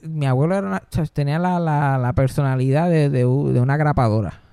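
A man, a comedian on a podcast telling funny family stories in a casual, animated way. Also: fairly high pitch, quick pace, vocal fry, clear, resonant tone, no echo, clean studio sound. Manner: animated, switching into voices, mixing in English. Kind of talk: casual chat, comic storytelling.

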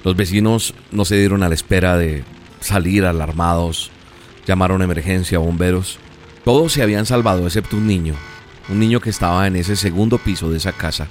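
Earnest man preaching over soft music. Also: deep voice, brisk. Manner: earnest storytelling, repeats words for emphasis. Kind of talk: radio devotional sermon.

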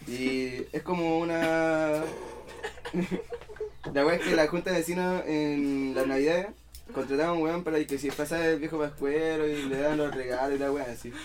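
A man's voice: on the high side, steady tone, normal speed, a crowd in the background. A man with a Chilean accent telling a childhood story in casual, slangy chat.

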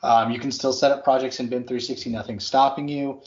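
A man co-hosting a podcast, chatting casually and enthusiastically about construction software, with plenty of fillers. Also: medium pitch, fairly even intonation, fairly quick. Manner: rambling, filler-heavy, enthusiastic. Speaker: podcast co-host. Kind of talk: casual tech chat. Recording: slightly dull lo-fi audio.

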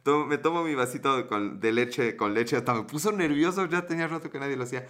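A man's voice: medium pitch, fast talker, a bit bright. A man in his thirties with a Mexican Spanish accent, hosting a casual livestream, telling a story and joking with viewers' comments in a playful, chatty way. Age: 30s. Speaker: livestream host.

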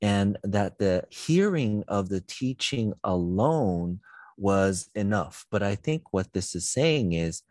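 A man's voice: lowish voice, animated, slow pace, darkish tone, no echo. A man, a pastor, talking through a Bible passage in a thoughtful, searching way. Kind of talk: conversational Bible discussion.

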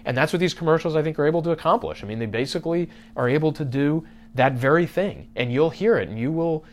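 A man's voice: fairly high pitch, expressive, fast talker, a little hiss or hum. A man hosts a podcast in a loose, conversational way. He speaks straight to his listeners, breaks off and restarts his sentences, and fills the gaps with "uh" and "you know.". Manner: conversational, many fillers and restarts, addresses listeners directly. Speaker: podcast host. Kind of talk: casual marketing talk.

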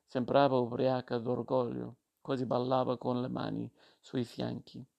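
A man reading literary fiction aloud as narrator, measured and steady, with a creaky voice. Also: mid-range voice, dull audio.

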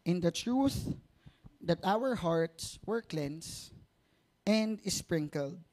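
A man's voice: high voice, expressive, very slow, darkish tone. A man with a Filipino accent preaching a sermon in mixed Tagalog and English, conversationally, often checking for agreement. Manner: switches between Tagalog and English; conversational, seeks agreement with rhetorical tag questions.

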